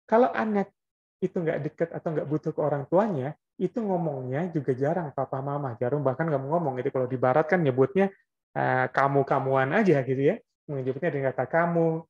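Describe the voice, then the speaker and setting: A man's voice: on the high side, brisk, darkish tone, dull audio. A man giving an Islamic parenting lecture, explaining in a conversational way and often adding little checking tags.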